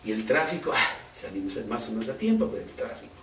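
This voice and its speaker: A man preaching a conversational, animated sermon, full of rhetorical questions. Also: medium pitch, fast, background noise. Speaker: pastor. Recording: roomy, distant mic.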